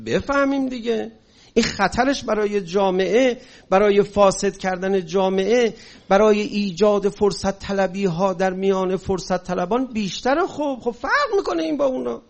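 A man with a notably high voice delivers an impassioned religious and political lecture. His steady explanations keep building into forceful, raised passages to hammer his points home. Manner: rises to forceful shouting on key points. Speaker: speaker.

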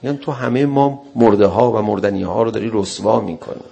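A man preaching a mourning sermon, telling the story in an impassioned way that swells into loud, tearful cries. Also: lowish voice, creaky, slightly rough, muffled recording. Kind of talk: mourning sermon with recited narrative.

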